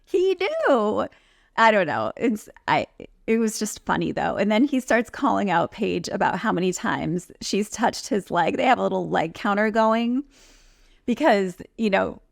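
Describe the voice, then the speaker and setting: Creaky-voiced woman chatting on a recap podcast. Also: medium pitch, expressive, normal speed, no echo, clean studio sound. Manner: conversational, acts out quotes in reported speech. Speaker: podcast co-host recapping reality TV. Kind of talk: casual chat, TV recap commentary.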